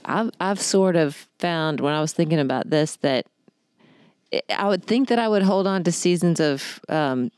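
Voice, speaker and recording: A woman reflects aloud in a faith discussion group, often restarting and repeating words. Her voice is very low, smooth and resonant. The recording is dry. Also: lively intonation, moderate pace, darkish tone, dry recording. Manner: introspective, self-correcting, repeats words.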